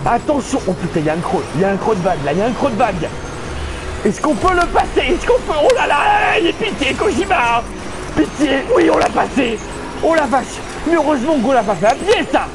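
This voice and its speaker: High-pitched frantic swearing gamer man. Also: animated, fairly quick. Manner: panicky, swears a lot, yelling at the game. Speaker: gamer streaming a playthrough. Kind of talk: excitable let's play commentary. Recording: game noise behind the voice.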